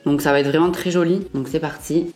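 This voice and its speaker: A woman's voice: low-pitched, fairly even intonation, brisk, darkish tone, soft background music. A young woman vlogger chatting casually through a makeup review, with frequent fillers and self-corrections. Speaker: beauty vlogger.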